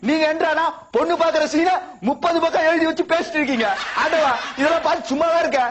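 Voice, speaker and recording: An actor playing an exasperated onlooker in a sketch comedy, scolding the others to stop. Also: male voice, very high voice, steady tone, quick pace, background noise. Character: fed-up man halting the scene. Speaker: onlooker who interrupts the sketch. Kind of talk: Tamil TV sketch comedy acting.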